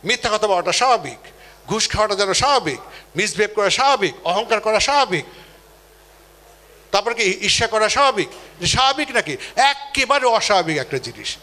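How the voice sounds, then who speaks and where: Animated high-voiced man lecturing. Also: a little fast. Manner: animated, acts out quoted people and questions the audience. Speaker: motivational speaker. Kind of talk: live motivational seminar talk.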